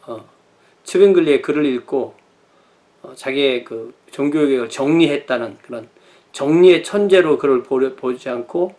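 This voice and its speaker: A middle-aged male pastor with a medium-pitched, darkish voice lectures on church history. His delivery is hesitant, full of fillers and self-corrections, as though he's thinking aloud.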